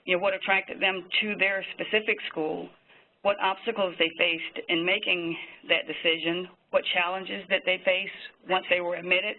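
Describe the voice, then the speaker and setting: A man with a high voice, speaking in a flat and even tone. He gives prepared webinar remarks at a measured pace, pausing often on fillers. The sound is thin and tinny, like a phone line. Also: a little hiss or hum. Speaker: physician panelist.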